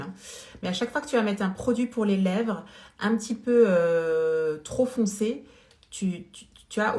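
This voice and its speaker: A woman's voice: medium pitch, a little mellow. A woman hosting a casual live-stream product demo, chatty and full of fillers, greeting viewers by name. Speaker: beauty live-stream seller. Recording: roomy echo.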